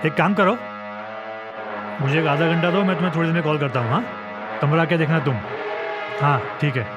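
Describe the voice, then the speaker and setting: An actor playing a sly landlord who coaxes a child and later begs the police not to beat him. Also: male voice, a little high, fairly quick, highs cut off, music in the background, close to an everyday voice. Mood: coaxing. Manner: wheedling, then begging loudly. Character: sly middle-aged landlord, cowardly when arrested.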